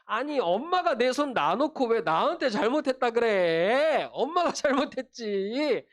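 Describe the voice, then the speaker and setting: A man's voice: extremely high pitch, sing-song, measured pace, voice pushed up, exaggerated voice. A man voicing a young boy who whines and protests that it is not his fault. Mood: whining. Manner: whiny protesting.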